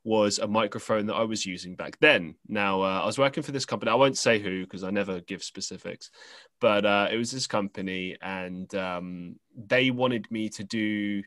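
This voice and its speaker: A man's voice: on the low side, normal speed, a bit bright, dry recording. A young man from England, a podcast host telling a story in casual conversation, rambling with many fillers and restarts.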